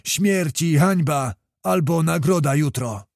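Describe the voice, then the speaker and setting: A man playing a fiery young cavalry commander who roars his orders at the troops, in a raised, pushing voice. The delivery is loud and urgent, with every call thrown out to rally men. The sound is close and dry, with no room around it. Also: a little high, slow pace, vocal fry, dry recording. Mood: rousing.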